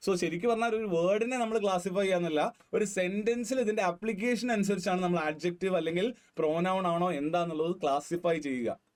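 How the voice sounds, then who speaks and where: A man's voice: sits high, fairly quick. Quizzing Malayali man teaching grammar. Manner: quizzing listeners with questions; mixing English terms into his talk. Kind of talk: online grammar lesson.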